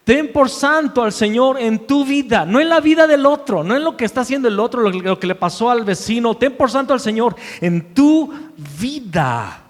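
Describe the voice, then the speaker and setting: High-voiced preaching man in echoing hall. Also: animated, moderate pace, few pauses. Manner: emphatic preaching, repeats key phrases, swings between loud and hushed. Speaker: pastor. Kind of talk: sermon. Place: church sanctuary. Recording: long hall reverb.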